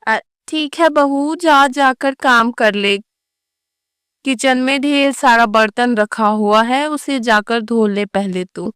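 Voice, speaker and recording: A woman voicing a patient middle-aged mother-in-law in a cartoon story, who scolds her daughter-in-law gently. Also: fairly high pitch, slow pace, clean tone, no room sound, clean studio sound. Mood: scolding.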